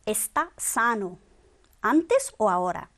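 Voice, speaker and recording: A woman's voice: mid-range voice, sing-song, slow pace, a bit bright. A woman teaching a grammar lesson, drilling verb forms one by one with patient quiz questions. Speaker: Spanish teacher.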